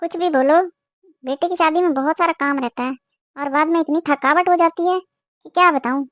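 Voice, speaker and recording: A woman's voice: high voice, moderate pace, no echo, close to an everyday voice. Woman voicing an older gossipy village auntie. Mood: chatty. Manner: gossipy, warning tone. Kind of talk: cartoon voice acting.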